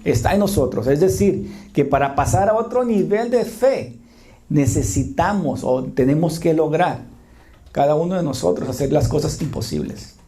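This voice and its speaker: Mellow-voiced preacher chatting with a congregation. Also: medium pitch, lively intonation. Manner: informal, checks in with the congregation with quick questions; restarts and corrects phrases while talking. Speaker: pastor. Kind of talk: conversational sermon. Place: church sanctuary before a congregation.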